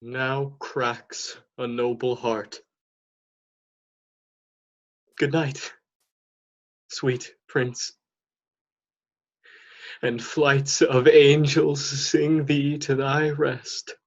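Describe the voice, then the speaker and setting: A man performs a loyal, grieving nobleman in Shakespearean tragedy. He speaks slowly and solemnly with earnest weight, and the recording is dull and lo-fi. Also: mid-range voice, little pitch movement. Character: loyal, grieving friend of a dying prince. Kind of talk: Shakespearean stage acting.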